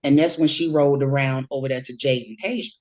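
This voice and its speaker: A woman's voice: rumbling low, fairly even intonation, fast talker, darkish tone, rough recording. A woman guest on a podcast, telling a story in a dramatic, slangy way. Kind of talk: casual storytelling.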